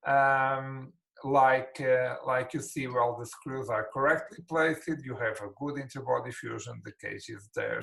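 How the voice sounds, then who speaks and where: A man, a spine surgeon from Portugal and a native Portuguese speaker, gives a webinar lecture over a video call with a Portuguese accent, halting often with fillers and restarts. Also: mid-range voice, vocal fry, fairly bright tone, rough recording. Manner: hesitant, many fillers and restarts.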